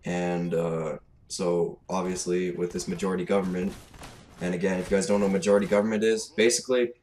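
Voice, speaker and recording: Low-voiced Canadian teenage guy ranting, noisy recording. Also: little pitch movement, a little fast, a little mellow. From Alberta, Canada. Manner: fed-up, sweary, blunt. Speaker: gaming commentator. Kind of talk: casual off-the-cuff political rant commentary. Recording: clearly noisy home recording.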